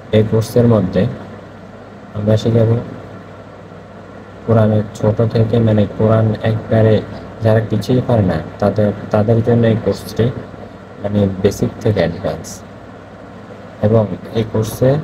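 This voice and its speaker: A man teaching the Quran, slowly sounding out each Arabic letter, repeating it and asking and answering his own questions. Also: on the low side, noisy background. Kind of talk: slow classroom lesson on letter pronunciation.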